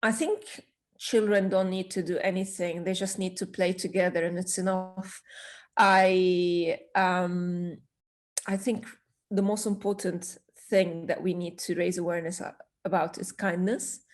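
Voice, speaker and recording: A woman's voice: mid-range voice, steady tone, measured pace. A woman from Syria, a children's author, answering interview questions earnestly and with passion, with small restarts.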